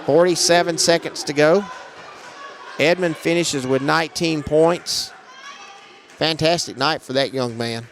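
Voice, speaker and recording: Guy calling a college hoops game, kinda high voice, quick matter-of-fact calls, little crowd hum. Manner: brisk, matter-of-fact calls, raising his voice on big plays. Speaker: play-by-play announcer. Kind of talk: live basketball commentary.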